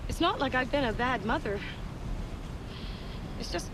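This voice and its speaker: A woman's voice: high voice, expressive, measured pace, noisy background. An actress playing an anxious, middle-aged single mother, emotional and fretful. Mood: fearful, sad. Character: anxious, pleading single mother searching for her son.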